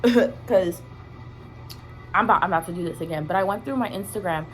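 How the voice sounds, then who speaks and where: A woman's voice: lowish voice, brisk, faint music behind, rough recording. A woman vlogger chatting casually and emphatically to her viewers, in slangy language with swearing and repeated words for emphasis. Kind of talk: casual opinionated chat to viewers.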